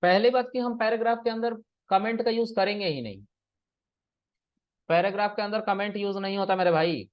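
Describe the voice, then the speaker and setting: Man, high voice, casual programming lesson, dull lo-fi sound. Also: brisk. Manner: explains step by step, keeps checking understanding. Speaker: programming teacher. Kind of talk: casual classroom explanation. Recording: dull lo-fi recording.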